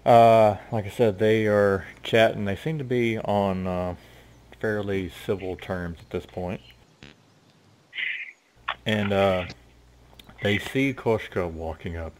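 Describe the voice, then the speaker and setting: A man narrating as game master of a tabletop game in a relaxed, hesitant way, with many fillers. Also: on the low side, slow pace, long pauses, slight background noise.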